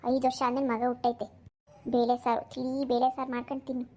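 A woman voicing a bossy older village woman who gives gruff, scolding advice to a new mother in a cartoon. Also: level tone, quick pace, a little mellow, lightly acted. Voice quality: gruff and lower, rustic. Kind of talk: cartoon voice acting.

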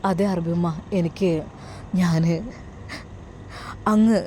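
A woman's voice: medium pitch, darkish tone, a little hiss or hum, close to an everyday voice. Woman doing a hesitant, ashamed middle-aged man. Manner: hesitant, halting, subdued. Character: middle-aged male worker, anxious and ashamed.

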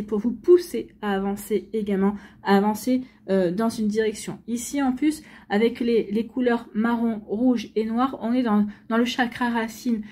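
A woman with a fairly high, dark-toned voice gives a chatty weekly tarot reading for the star signs. Her talk is full of fillers, restarts and repeated phrases.

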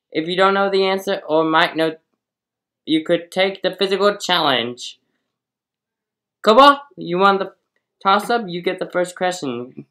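A woman's voice: on the low side, fairly bright tone. A woman hosting a playful pretend game show, rambling and stumbling over the questions as she reads.

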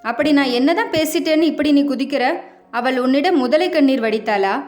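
A domineering elderly mother in a family storybook, proud and cutting, as a woman narrator puts her on. The voice stays high, with faint music beneath it. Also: normal speed, natural voice. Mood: defiant.

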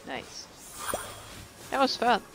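A let's-play gamer giving casual, excitable commentary while playing. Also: slow pace, slight background noise. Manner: excitable, chatty, gushing. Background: game music.

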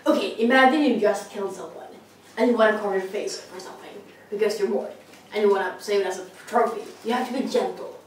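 A woman's voice: medium pitch, fast, heavy reverb, slight background noise, natural voice. A young woman playing a bossy, fussy young male villain in a fan cosplay skit, in a home kitchen filmed by a far camera. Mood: exasperated. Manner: bossy, exasperated, nagging.

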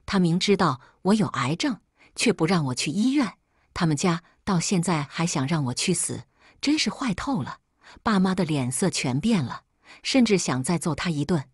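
A woman tells a first-person story with a wry, unbothered manner. Her voice is low and husky, and the recording is close and dry with no room sound. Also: big pitch swings, moderate pace, no room sound. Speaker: narrator.

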